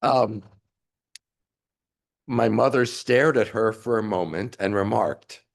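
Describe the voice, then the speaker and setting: A man's voice: fairly low pitch, creaky. A man in his sixties giving an emotional, wry eulogy for his mother at a funeral service. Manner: emotional, wry, measured delivery. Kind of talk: memorial eulogy.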